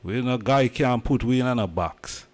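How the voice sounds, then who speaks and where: A man's voice: mid-range voice, unhurried. A man from Jamaica with a Jamaican accent, talking emphatically in patois as host of a casual commentary.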